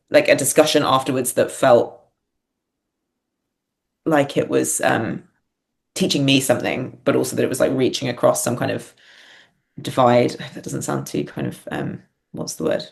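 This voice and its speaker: A woman with a rumbling low, darkish voice and vocal fry reflects as a guest on a podcast. She is a theatre writer and performer, and she speaks hesitantly, often searching for words.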